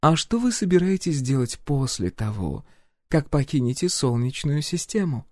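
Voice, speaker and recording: Imperious empress, voiced by a man, commanding and coolly polite, pitched high and lively, dry close sound. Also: moderate pace, no room sound. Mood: coolly insistent. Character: proud imperious empress, middle-aged woman.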